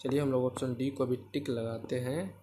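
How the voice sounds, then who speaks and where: A man's voice: mid-range voice, fairly even intonation, moderate pace, mellow, slight background noise. A man teaching a math worksheet to children, patiently repeating himself and constantly asking "right?" to check they follow. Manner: addresses viewers as kids, patient and drawn out. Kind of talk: classroom-style worksheet explanation.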